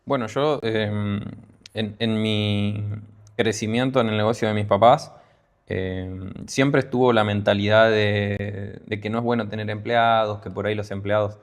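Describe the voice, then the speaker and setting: A Peru-born guest entrepreneur with a Rioplatense Spanish accent tells his business story in a casual interview. His lowish voice is steady and unhurried, but he's hesitant, with many fillers and restarts.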